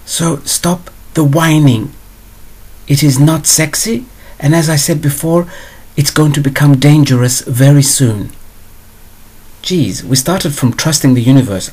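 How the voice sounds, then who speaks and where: A man's voice: mid-range voice, a little mellow. A man hosting a spiritual advice show, answering a viewer question in a blunt, digressive way.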